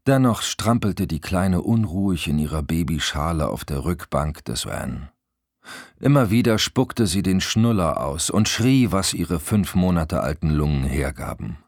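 Low, husky man reading an audiobook. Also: unhurried, dry recording, studio quality. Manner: expressive storytelling. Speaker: audiobook narrator. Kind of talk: scripted narration.

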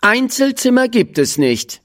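A narrator voicing a patient but firm female schoolteacher who quizzes her class in a bright, coaxing tone, in a children's storybook reading. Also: mid-range voice, very animated, measured pace, pitched above the performer's own voice. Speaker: class teacher.

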